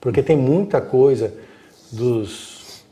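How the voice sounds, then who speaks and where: A guest storyteller with a Brazilian Portuguese accent tells a story in casual livestream talk, animatedly acting out its dialogue. His voice is medium-pitched and slow.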